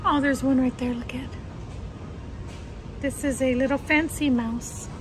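A woman with a high voice chats casually into a phone held at arm's length as she browses a pet store. Steady store noise sits clearly behind her, and she talks to the camera in a light, giggly way. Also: unhurried. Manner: chatty, giggly, talking to camera. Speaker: vlogger. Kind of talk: casual vlog chat.

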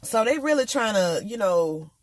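A woman's voice: fairly high pitch, very animated, normal speed, no echo. A woman recapping a TV episode in casual, slangy chat, talking candidly straight to her viewers. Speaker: TV episode reviewer.

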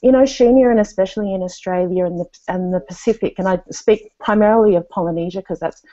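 Speaking fast in a mid-range, dark-toned voice, a Tongan woman in her thirties joins a video call panel as a guest, earnest and full of fillers and restarts. She sits at a desk in a small indoor room, using a webcam and earphones, and the thoughtful discussion comes through as dull lo-fi call audio.

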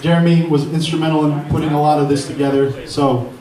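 Amid crowd noise in an event hall, a beat producer speaks on the mic in a slightly high, flat voice, talking fast. His rambling speech at the live event is grateful and self-deprecating, recorded through an echoey mic from far away.

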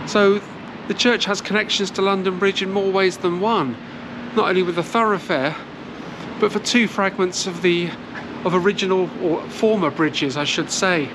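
A woman's voice: mid-range voice, normal speed. A woman vlogging outdoors in a city churchyard, giving a casual history walking tour with many fillers and restarts, filmed on a handheld camera at arm's length. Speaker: travel vlogger. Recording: loud city background noise.

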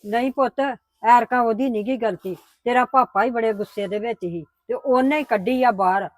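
Brief: a woman as a soothing grandmother, gentle, placating, raised pitch, dry close sound. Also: normal speed, dry recording, lightly acted. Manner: coaxing, placating. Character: patient grandmother, soothing mother-in-law. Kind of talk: family drama acting.

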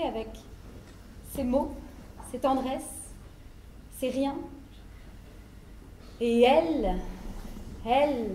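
Wronged wife, very high voice, overwrought, echoey stage. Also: female voice, slight background noise. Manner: theatrical, overwrought. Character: outraged betrayed young wife, melodramatic. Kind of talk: stage play acting. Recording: echoey theater stage recording.

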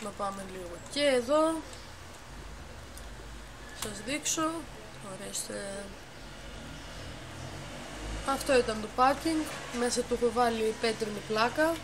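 In a relaxed walkthrough of her game build, a woman with a slightly high voice hesitates, corrects herself, and explains things one step at a time. She's in a dimly lit room at home next to a computer. A phone camera pointed at the monitor captures her, and the recording is noisy.

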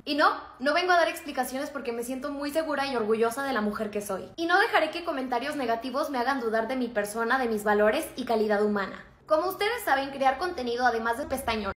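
A woman's voice: sits high, fairly bright tone. A young Mexican woman chatting in slangy, casual vlog style while doing her makeup. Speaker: vlogger. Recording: echoey room.

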